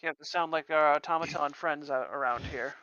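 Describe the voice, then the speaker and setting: A man playing in a tabletop game, with dry, wry remarks and a lively way of speaking. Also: a little high, fairly quick, clear, resonant tone, highs cut off. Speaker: player. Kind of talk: tabletop role-play chat.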